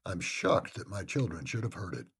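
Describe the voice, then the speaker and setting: A man's voice: deep voice, very animated, moderate pace, creaky, husky, heavily acted. A man voicing a haughty older lady of the house who speaks in a prim, disdainful manner.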